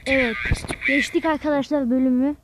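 A young man hosting a mobile gaming channel, giving excitable, casual commentary while he plays and talks to his viewers. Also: extremely high pitch, a little fast, very noisy. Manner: excitable, keeps urging "vur vur" at enemies and talking to viewers. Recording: loud game sound effects behind the voice.

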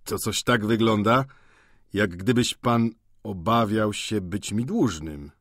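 A man's voice: fairly low pitch, big pitch swings, breathy edge, dry recording, clean studio sound, full character voice. A man voicing sly cynical schemer Vautrin. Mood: mocking. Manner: mocking, slow and deliberate. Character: sly cynical middle-aged male schemer.

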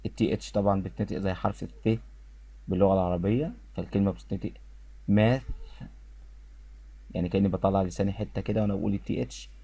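A man with an Egyptian Arabic accent runs an English pronunciation lesson. He says each word slowly and repeats it so students can follow. His voice is low and mellow, recorded dry and close. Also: level tone, creaky, breathy edge, no echo. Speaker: English teacher.

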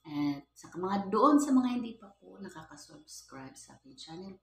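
A woman's voice: mid-range voice, expressive, moderate pace, echoey room. A middle-aged woman chatting casually in a home vlog, laughing often and mixing English into her Tagalog, filmed on a phone on a stand in her kitchen. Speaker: vlogger, household helper.

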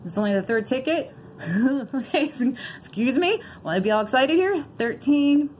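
A woman vlogging in a casual, chatty way, excitable and giggly, rambling and thinking aloud as she reads out numbers. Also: sits high, moderate pace, a little hiss or hum. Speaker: vlogger scratching lottery tickets.

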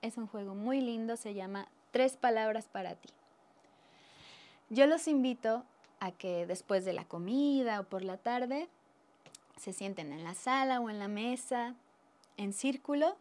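Expressive woman storyteller. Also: mid-range voice. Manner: slow, expressive, drawn-out reading. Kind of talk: children's storytelling.

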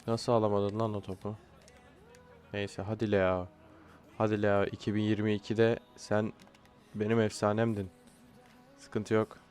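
A man's voice: on the low side, little pitch movement, unhurried, pauses often, darkish tone. A young man giving casual live commentary while playing a football video game, often frustrated and blurting out complaints at his players. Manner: frustrated outbursts, swearing at players. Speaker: gaming YouTuber.

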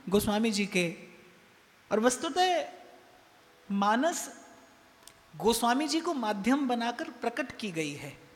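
Male spiritual speaker, slow deliberate delivery, emphatic repetition; temple hall with long reverb. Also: very high-pitched, fairly bright tone. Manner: slow, emphatic, repeats phrases for effect. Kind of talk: devotional sermon. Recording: long hall reverb, faint music behind.

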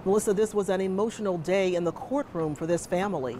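A woman's voice: lowish voice, quick pace, noisy background. A middle-aged woman anchoring scripted TV news and handing off to a reporter. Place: TV news studio.

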